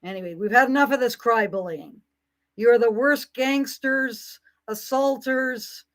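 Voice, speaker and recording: A woman's voice: fairly high pitch, a little slow, a bit bright. Woman commentator, rambling casual monologue, indignant and mocking.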